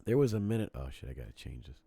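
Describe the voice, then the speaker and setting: A man's voice: extremely low pitch, racing, vocal fry, slightly rough, dry recording. A man co-hosting a casual podcast, rambling and profane as he tells stories and clicks through things. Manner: profane, rambling, animated storytelling. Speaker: podcast co-host. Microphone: desk mic with cameras.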